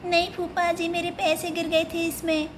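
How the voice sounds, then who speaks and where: Whiny little girl doll in a doll story, woman voicing, very high, noisy recording. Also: completely flat delivery, normal speed. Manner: whiny, pleading. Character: small timid girl doll.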